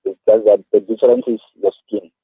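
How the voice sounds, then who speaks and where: A man in his thirties with a South African accent, a guest speaking earnestly and haltingly, repeating his words as he explains. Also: lowish voice, steady tone, breathy edge, dry recording. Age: 30s. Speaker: guest, awareness activist. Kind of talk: phone-in radio interview. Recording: tinny phone line.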